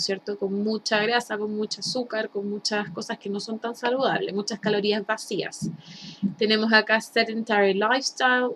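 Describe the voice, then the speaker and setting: A woman with a Chilean Spanish accent teaching English in a recorded lesson, explaining slowly and having students repeat words. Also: mid-range voice, a bit bright, slight background noise.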